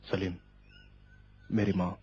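A man voicing a calm, devout young man who speaks in a measured, polite way, in a dubbed TV drama. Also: deep voice, husky, highs cut off, exaggerated voice. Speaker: dubbing actor.

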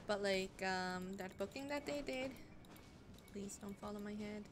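A woman's voice: medium pitch, unhurried. Chatty young woman streamer, noisy mic. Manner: chatty, frequent "like", blunt swearing. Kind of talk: casual chat while gaming.

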